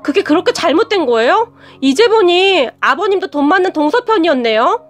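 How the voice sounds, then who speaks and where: A greedy sister-in-law nags and demands in a high, lively voice, as a woman narrator plays her. She sounds pushy and irritated, never letting up. Soft music runs quietly behind her. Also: normal speed. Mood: whining, demanding.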